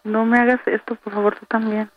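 A woman's voice: fairly high pitch, level tone, a little fast, dry recording. A woman with a Mexican accent pleading emotionally with a partner over the phone. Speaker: caller playing a prank on a partner. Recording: radio phone call with music behind.

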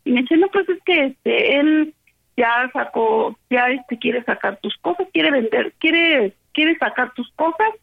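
A woman's voice: high-pitched, takes it slowly, gravelly. A woman with a Mexican Spanish accent, upset and agitated, telling a friend over the phone about an argument and acting out both sides. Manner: animated storyteller, quotes both sides. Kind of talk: casual phone chat, retelling an argument. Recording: tinny phone line.

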